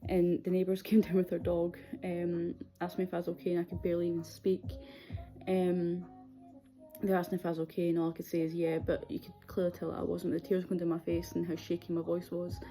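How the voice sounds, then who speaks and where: A young Scottish woman speaks in a low, dark and relaxed voice with little rise and fall. She tells her own story in a candid, conversational style, hesitating as she goes. Faint music plays behind her. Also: brisk, poor audio. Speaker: video series host. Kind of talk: personal confessional storytelling.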